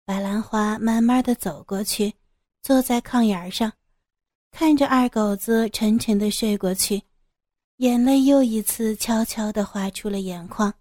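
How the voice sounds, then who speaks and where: A woman narrating a serialized audio story with a calm, steady, descriptive reading. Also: a little high, a little slow, no echo, clean studio sound.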